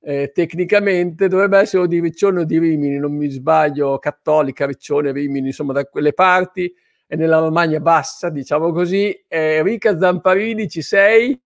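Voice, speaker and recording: A man with a fairly high voice hosts an informal live interview online. He is chatty and playful with his guest. The sound is very dry, with no room echo. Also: normal speed. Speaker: host of an online interview show.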